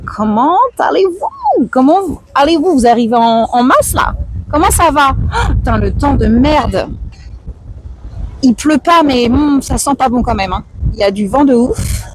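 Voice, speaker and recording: A woman with a hoarse, tired voice, chatting casually and answering viewers on an outdoor livestream. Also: high voice, background noise. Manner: chatty, slangy, reads out and answers chat. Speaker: live streamer chatting with viewers. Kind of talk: casual chat, IRL livestream. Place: outdoors, walking through town streets.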